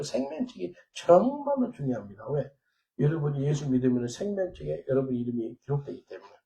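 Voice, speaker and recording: Gravelly-voiced pastor preaching. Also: male voice, medium pitch. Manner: animated storytelling, swinging from loud to quiet; switches into simple English for quoted prayers and dialogue. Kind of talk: sermon with personal testimony.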